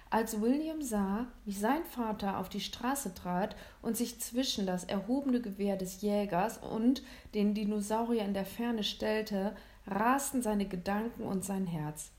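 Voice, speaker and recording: A woman narrating a children's audiobook with lively, expressive storytelling. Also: mid-range voice.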